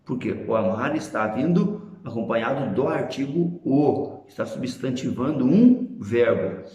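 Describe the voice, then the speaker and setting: A man's voice: mid-range voice, lively intonation, measured pace, dark tone, highs cut off. Brazilian man teaching grammar, echoey room. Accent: Brazilian Portuguese. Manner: explanatory, with frequent tag questions. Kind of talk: classroom grammar lesson.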